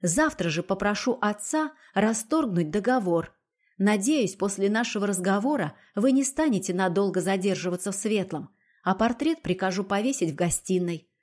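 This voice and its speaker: A woman's voice: medium pitch, lively intonation, normal speed, a little mellow, lightly acted. A woman voicing an emotional young noblewoman who stays dignified through tears. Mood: tearful firm. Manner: tearful yet dignified.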